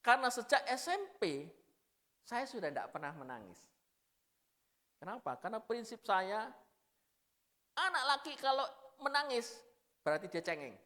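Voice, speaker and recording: Animated preacher man. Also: high voice, normal speed, long pauses. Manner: animated, swinging from loud emphasis to hushed confession. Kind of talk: sermon.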